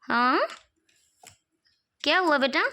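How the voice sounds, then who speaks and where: A woman's voice: high-pitched, slow pace, pushed and bright. A woman talks to her pet parrot at home in a fond, sing-song voice, repeating pet names. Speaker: pet owner. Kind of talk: coaxing talk to a pet parrot. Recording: home phone recording with background noise.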